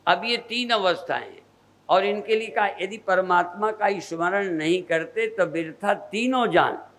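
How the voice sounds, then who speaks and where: An older man, a spiritual teacher, preaching a sermon in a measured, repetitive cadence. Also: sits high, fairly bright tone, poor audio.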